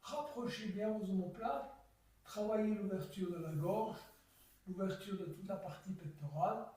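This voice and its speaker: A man guiding a yoga class, giving slow, calm cues timed to the breath. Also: high-pitched. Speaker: yoga teacher. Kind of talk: guided yoga class instruction. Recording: echoey room, voice from far off.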